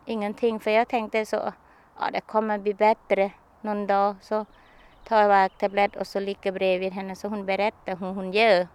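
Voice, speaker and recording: A woman tells her own story to an interviewer in an unhurried, personal way. Her sentences are simple and halting, full of restarts as she gropes for words. Her voice sits in an ordinary middle register for a woman. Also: mid-range voice, completely flat delivery, darkish tone, clean tone.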